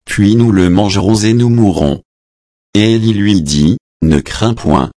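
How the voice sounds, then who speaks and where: A man reading a Bible chapter aloud in a measured voice, adding spoken footnotes as he goes. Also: fairly low pitch, mellow, no room sound, studio quality.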